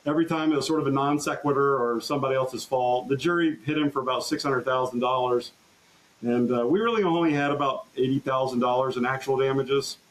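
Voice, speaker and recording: A man, a trial lawyer, telling courtroom stories in an earnest, halting way with frequent restarts in a podcast interview. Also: mid-range voice, steady tone, poor audio. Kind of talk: conversational storytelling interview.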